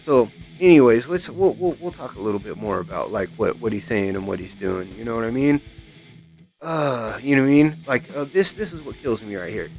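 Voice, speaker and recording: A man's voice: medium pitch, lively intonation, fairly quick, a little mellow. A man giving a casual, profane, rambling rant as a guitar vlogger, often tagging his sentences with "you know what I mean".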